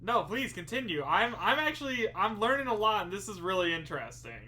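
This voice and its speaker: A man's voice: high-pitched, sing-song, a little fast, pushed and bright. A man hosting a casual gaming chat, talking eagerly in slang with lots of "dude" and "bro". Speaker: host.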